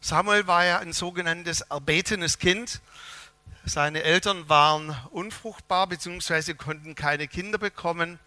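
A man delivers a sermon in a high, very bright voice, telling humorous stories with lively swings in loudness. The sound is dry and close, with no room echo. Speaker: preacher.

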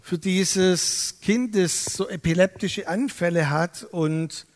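High-voiced man preaching in a reverberant hall. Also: takes it slowly. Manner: lively storytelling, acts out dialogue. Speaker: pastor. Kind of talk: sermon.

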